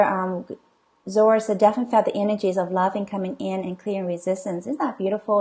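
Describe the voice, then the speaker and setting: A middle-aged woman, a coach and healer, hosts a live online session in a mid-range, darkish voice. She reads viewer comments aloud and reassures people, peppering her speech with "okay?" and lots of ums and other filler sounds.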